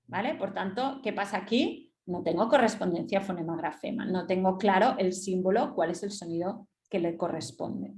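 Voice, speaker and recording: A woman's voice: mid-range voice, normal speed, hardly any pauses, darkish tone. Woman teaching a webinar, echoey room. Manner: explains step by step, checks in with rhetorical "¿sí?". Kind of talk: instructive webinar lecture. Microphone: webinar computer mic.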